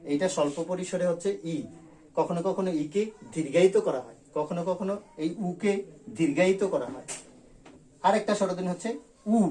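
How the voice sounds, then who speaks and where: A male teacher teaches an online grammar class. His voice sits a little high, and he repeats each vowel sound slowly so students can drill it. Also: dark tone. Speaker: school teacher.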